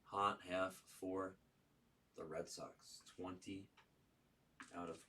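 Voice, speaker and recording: Man, deep voice, card break host, casual running commentary, short bursts of names and numbers, distant mic, faint noise. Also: flat delivery, slow pace, pushed and bright. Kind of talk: casual running commentary while opening trading cards.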